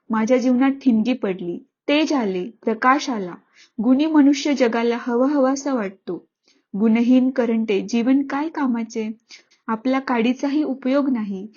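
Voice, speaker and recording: Woman, storybook narrator, earnest, reflective, high voice, slightly dull recording. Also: darkish tone.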